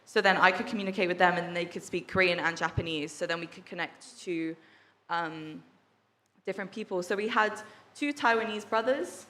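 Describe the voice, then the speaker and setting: A woman's voice: fairly low pitch, moderate pace, pushed and bright. Chatty young woman in an echoey hall. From England. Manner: chatty, laughing, many fillers. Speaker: workshop participant sharing testimony. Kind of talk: casual testimony with slides. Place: church service hall.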